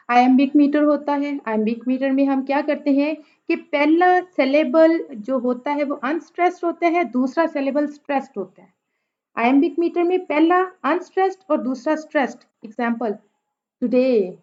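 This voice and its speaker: A woman, a literature teacher lecturing slowly, repeating each example and stressing single words. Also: sits high, a little mellow, dull audio. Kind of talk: lecture in Urdu mixed with English.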